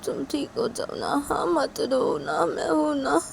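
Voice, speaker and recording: A woman voicing a gentle young woman who begs softly and repeatedly, and soothes a child. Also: sits high, a little slow, gravelly, a little hiss or hum, voice pushed up, heavily acted. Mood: soothing. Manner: pleading, soft, repetitive.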